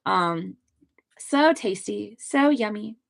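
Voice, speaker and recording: A woman's voice: mid-range voice, lively intonation, slow pace, creaky. A young woman, a webcomic artist, chatting casually and giddily on a livestream while she draws. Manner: bubbly, giddy, chatty.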